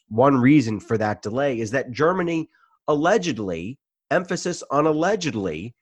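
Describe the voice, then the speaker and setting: A man hosting an interview podcast, reading a measured, formal introduction and asking questions. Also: medium pitch, dry recording.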